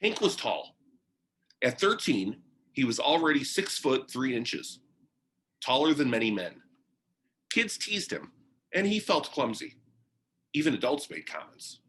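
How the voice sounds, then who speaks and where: In a medium-pitched, fairly bright voice, a man reads a children's biography aloud like a teacher sharing a picture book. His delivery is sing-song, broken into deliberate short phrases with pauses.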